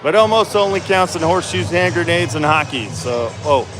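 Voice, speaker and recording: A man's voice: fairly high pitch, lively intonation, normal speed, music in the background. Man calling hockey in an echoey rink. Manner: informal, colloquial, chatty with exclamations. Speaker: hockey play-by-play commentator. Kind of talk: casual live sports commentary. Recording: echoey noisy rink, ambient clatter. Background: clear rink noise and ambience.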